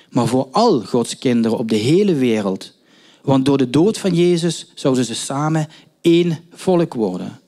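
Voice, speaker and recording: A man's voice: medium pitch, warm tone. A male preacher telling a story in a sermon, with emphatic questions and thoughtful hesitations.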